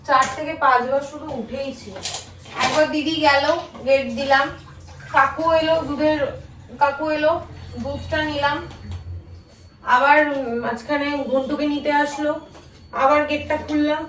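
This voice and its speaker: A woman's voice: high-pitched, steady tone, moderate pace, pauses often, a bit bright. A tired woman chatting casually to her viewers in a home vlog, complaining about chores and lost sleep. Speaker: family vlogger. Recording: echoey room, distant from mic, noisy.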